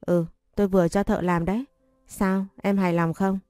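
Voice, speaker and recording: A woman's voice: mid-range voice, flat delivery, moderate pace, mellow, clear, resonant tone, no room sound, studio quality, soft background music, natural voice. A woman voicing a confident, doting young husband who teases bossily, in a story reading. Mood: teasing.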